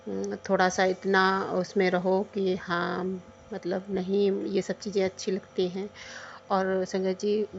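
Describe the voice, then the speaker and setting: A middle-aged woman giving a heartfelt devotional testimony to the congregation, hesitant, with many pauses and restarts. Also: medium pitch, completely flat delivery, highs cut off, slight background noise.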